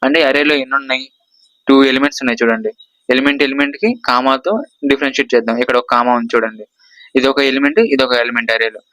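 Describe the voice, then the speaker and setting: A man's voice: medium pitch, steady tone, racing, bright, forceful tone, no room sound, poor audio. A man with a Telugu accent teaching a screen-share coding lesson. He explains by pointing at parts of the screen, repeats himself and keeps checking that his students follow. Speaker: course instructor.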